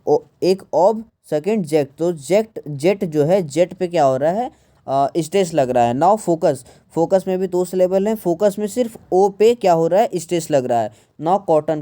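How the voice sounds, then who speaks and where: A woman with a low, very mellow voice walks through an English workbook lesson. She talks slowly, hesitates often and drops English words into her Hindi. The tone stays warm and unhurried. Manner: slow, hesitant, many fillers, mixing English words into Hindi. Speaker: English teacher.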